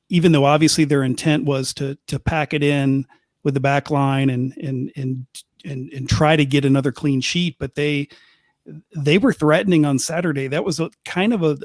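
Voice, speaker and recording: A man with a slightly high voice co-hosts a soccer talk show from the stadium press box, chatting casually. He's chatty, often restarts his sentences, and laughs lightly. The recording is dry and clean, with a studio sound.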